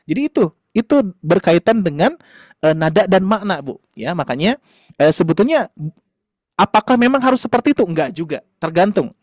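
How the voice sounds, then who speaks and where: A man's voice: fairly high pitch, no echo, clean studio sound. A man teaching a Quran class online, explaining patiently to parents with many fillers and tag questions. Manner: patient, explanatory, addresses parents warmly as "Ayah Bunda".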